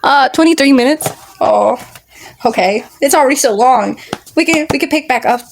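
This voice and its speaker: A woman vlogger reads a book aloud in a relaxed, homemade way. Her voice sits slightly high, and she often stumbles and restarts words mid-sentence. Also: moderate pace, gravelly, a little hiss or hum. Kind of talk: casual read-aloud of a book.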